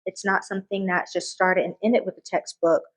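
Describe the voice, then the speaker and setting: Brief: lively woman guest in casual chat, tells stories with plenty of laughter. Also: mid-range voice, a little fast, poor audio. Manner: animated, laughs often, expressive storytelling. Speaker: guest, medical professional. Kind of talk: casual podcast conversation.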